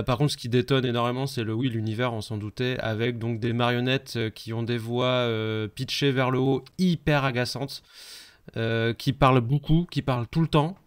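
A man on a gaming podcast recounts the games he has been playing in long, lively runs of casual talk. His voice is smooth and resonant, at a middle pitch, and it sounds dry and close. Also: moderate pace, dry recording. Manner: talkative, animated recounting of games. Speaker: podcast co-host.

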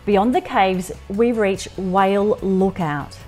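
A woman's voice: medium pitch, slow pace, mellow, faint music behind. A woman in her forties with an Australian accent, presenting a travel road trip with upbeat, encouraging narration. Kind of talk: travel narration and car chat. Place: inside a moving car.

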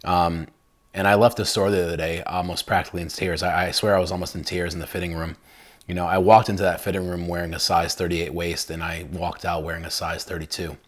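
A young adult man hosts a casual cooking vlog from his home kitchen, chatty and enthusiastic, with lots of fillers. His voice is low and fast, with little pitch movement.

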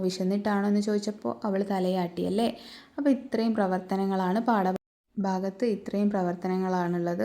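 Mellow-voiced woman teaching young children. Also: mid-range voice. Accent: Malayali. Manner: gentle, explaining, asks questions to the class. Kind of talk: reading a textbook lesson to children.

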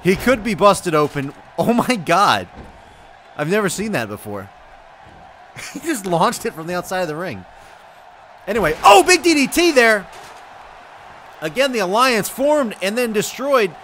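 High, bright-voiced excitable male commentator. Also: moderate pace, slight background noise. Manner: excitable, often shouting and exclaiming; addresses viewers as folks. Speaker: wrestling video game commentator.

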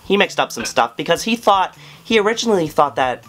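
A man's voice: high voice, sing-song, a little fast, fairly bright tone, faint music behind, pitched above the performer's own voice. Man posing as a flustered, rambling female store leader. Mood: earnest, explaining. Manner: hesitant, rambling. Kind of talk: improvised prank call.

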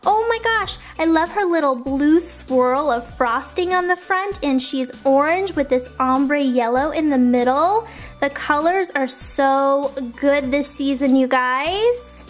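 A woman hosting a toy unboxing, gushing and cooing as she opens each little figure. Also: very high voice. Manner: gushing, cooing over tiny toys. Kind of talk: excited toy unboxing chat.

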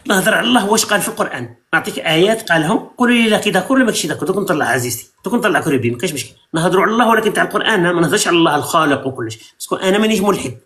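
A man's voice: high voice, lively intonation, very fast, hardly any pauses, fairly bright tone. A man with an Algerian accent hosting a live stream, arguing and lecturing callers in a heated debate. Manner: argumentative, lecturing.

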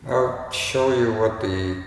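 Echoey, slow, halting man's voice. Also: medium pitch, vocal fry. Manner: halting, tentative. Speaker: do-it-yourself demonstrator. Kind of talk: casual unscripted tutorial. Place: bare, echoey indoor room. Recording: strong echo, hollow reverberant room, faint noise.

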